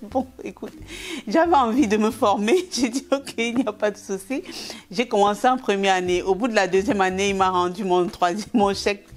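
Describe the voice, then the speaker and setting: Woman comedian telling an animated anecdote. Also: mid-range voice, normal speed. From Cameroon. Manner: lively, acts out dialogue, laughs often. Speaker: stand-up comedian, interview guest. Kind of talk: relaxed anecdotal storytelling.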